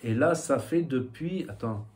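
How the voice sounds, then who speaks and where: A man's voice: mid-range voice, animated, a little slow, a little mellow. A man with a southwestern French accent talking casually to the camera in a vlog, rambling with many fillers and a repeated "voilà". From southwest France. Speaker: YouTuber.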